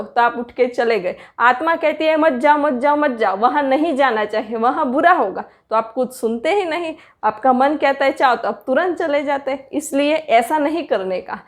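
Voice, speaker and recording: A middle-aged woman earnestly recounting her meditation experiences and preaching to listeners in a repetitive, direct way. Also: fairly high pitch. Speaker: spiritual speaker sharing meditation experiences. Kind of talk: personal spiritual talk.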